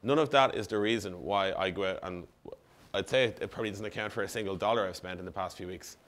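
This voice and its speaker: Wearing a lapel mic on stage in an indoor event room, a man in his thirties gives an informal conference talk to an audience as a startup founder. His low, slightly bright and slightly worn voice moves at a quick pace, casual and packed with asides and quoted dialogue.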